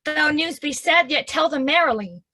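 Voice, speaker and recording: A woman's voice: high-pitched, expressive, normal speed, sharp tone. Woman playing an eager Southern girl in love. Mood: impatient. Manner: eager, pleading, impatient. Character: impatient young girl in love. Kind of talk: stage acting of verse drama.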